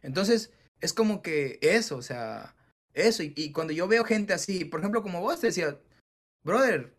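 Animated swearing man, acting out dialogue. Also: sits high, moderate pace. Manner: animated, swears casually, acts out quoted dialogue. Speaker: entrepreneur guest. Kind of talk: casual interview talk.

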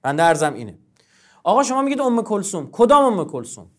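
Brief: man with a high speaking voice, formal and insistent guest scholar. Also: big pitch swings, fairly bright tone. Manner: formal, emphatic, lecturing, with many repetitions. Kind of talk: religious studies discussion.

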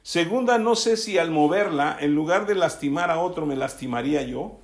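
A man's voice: on the high side, lively intonation, moderate pace. A man preaching a sermon, often asking his listeners for a yes as he goes. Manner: asks the congregation "¿sí?" often. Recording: echoey room.

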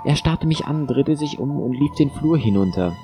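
A man's voice: lively intonation, normal speed, music in the background, natural voice. A man voicing a frightened, pleading woman patient in an audiobook, in a raised anxious voice. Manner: anxious, pleading, high-pitched. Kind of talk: audiobook narration.

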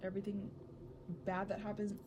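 A woman co-hosting a casual chat podcast, playful and quick to react. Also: mid-range voice, monotone, background noise. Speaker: podcast co-host.

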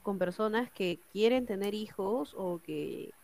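Earnest woman host, mid pitch. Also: lively intonation, a little slow, creaky, a little mellow, no echo. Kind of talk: casual chat.

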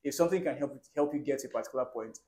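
A man co-hosting a podcast races along at medium pitch with a warm tone. During the casual talk he's earnest and rambling, regularly asking "do you understand" to confirm he's understood.

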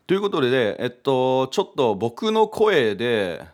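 A man's voice: mid-range voice, sing-song, a little slow. A man hosting a casual music lesson, thinking aloud with many fillers and correcting himself as he explains.

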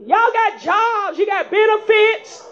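A woman with a very high voice preaches slowly in folksy vernacular, building to shouts. She keeps nudging the congregation with call-and-response cries of "huh?" The recording sounds dull and lo-fi.

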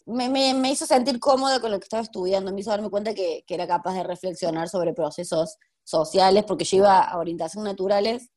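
Speaking in a lowish, slightly mellow voice, this woman in her thirties is a history teacher with a Rioplatense Spanish accent. She talks casually in a conversational interview, full of laughter and filler words.

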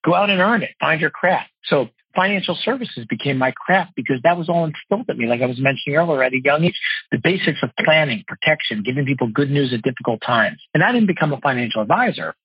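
A man's voice: medium pitch, slightly rough, no room sound. A man in his forties from New Jersey, telling his life story earnestly as a podcast interview guest. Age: 40s. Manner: earnest, fast-talking, expressive storyteller. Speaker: guest, financial wholesaler and speaker. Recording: dull lo-fi dry podcast audio.

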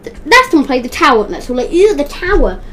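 A woman hosts a casual gaming podcast, rambling excitedly and often backtracking to fix what she just said. Her voice sits on the higher side and swoops around a lot as she talks. Faint noise sits under her voice. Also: fast. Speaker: podcast host.

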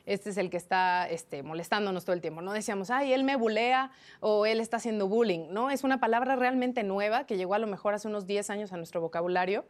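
A woman's voice: mid-range voice, fast, few pauses. Mexican woman journalist, explains grammar like a teacher, lots of um and well. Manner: didactic, lively, many fillers. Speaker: journalist guest. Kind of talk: explanatory interview answers.

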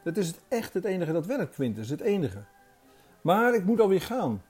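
A talking deer delivers warnings with grave, pressing earnestness, as a male narrator puts him on. The voice sits a touch higher and fuller than the storyteller's own, mellow and warm underneath. A faint bed of music hums behind. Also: sing-song, normal speed, slightly rough, exaggerated voice. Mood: urgent.

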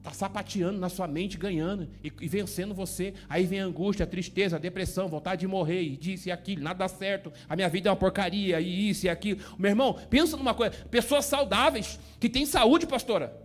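A man's voice: high-pitched, fairly quick, few pauses, soft background music. A man with a Brazilian Portuguese accent preaching an informal sermon, joking in a folksy way and often checking that his listeners follow him. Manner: folksy, joking preacher who keeps asking the listener "tá entendendo?". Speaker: pastor.

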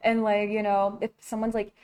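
Chatty teenage girl with a mellow voice. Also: mid-range voice, completely flat delivery, moderate pace, clear, resonant tone. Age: teens. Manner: chatty, filler-heavy, giggly. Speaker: student. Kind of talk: casual chat.

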